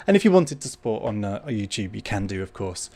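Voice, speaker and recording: A man with a fairly low, gravelly voice hosts a livestream. He chats casually and rambles a little, pausing and hesitating as he goes. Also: big pitch swings, darkish tone. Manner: hesitant, rambling, informal delivery. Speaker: livestream host.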